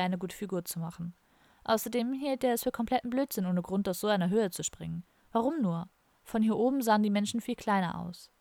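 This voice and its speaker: A woman narrating an audiobook in a calm, even reading. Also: mid-range voice, no room sound. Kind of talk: scripted narration.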